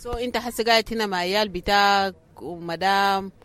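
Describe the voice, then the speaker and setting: A woman's voice: medium pitch, brisk, a bit bright. A woman with a Sudanese Arabic accent hosting a radio program, interviewing in a conversational, probing way in a refugee camp. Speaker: radio host. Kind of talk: field interview.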